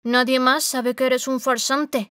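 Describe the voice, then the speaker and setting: A woman's voice: sits high, flat delivery, a little slow, fairly bright tone, no room sound, clean studio sound, pitched above the performer's own voice. A woman voicing an earnest young girl who speaks insistently in an audiobook.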